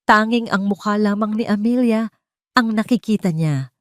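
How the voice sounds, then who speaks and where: A woman storyteller with a Filipino accent reads a scripted dramatic love story for audio, solemn and melodramatic throughout. She talks at normal speed in a mid-range voice, and the studio sound is clean and dry.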